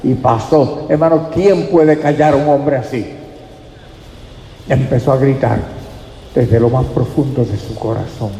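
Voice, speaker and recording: A man's voice: medium pitch, fairly even intonation, a little slow, pauses often, mellow, a little hiss or hum. Fervent male preacher in an echoey hall. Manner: fervent, addressing listeners as brother. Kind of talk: sermon.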